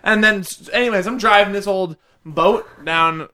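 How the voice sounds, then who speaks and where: A young man telling a rambling, animated story in casual chat, swearing freely and laughing through it. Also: high-pitched, normal speed.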